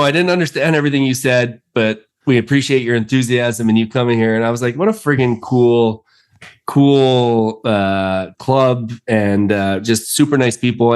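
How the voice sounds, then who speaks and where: An enthusiastic man chatting as a podcast co-host, rambling along with fillers and quick restarts. His voice sits at an ordinary middle pitch for a man. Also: smooth. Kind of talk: casual chat.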